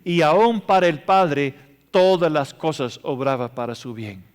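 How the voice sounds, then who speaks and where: A man preaching a sermon, telling emotional stories and swinging between loud passages and hushed ones. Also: on the high side, lively intonation, unhurried, smooth. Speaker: pastor. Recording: reverberant hall.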